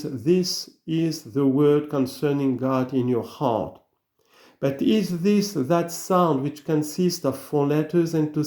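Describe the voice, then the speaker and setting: A man giving a slow, earnest reading of an old sermon, full of rhetorical questions. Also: fairly high pitch, warm tone, echoey room. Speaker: reader of sermons.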